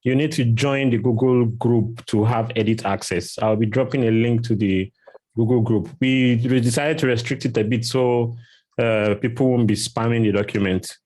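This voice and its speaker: A man hosting an online community meeting, talking in a relaxed way with many fillers over a video call. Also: medium pitch, normal speed. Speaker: host.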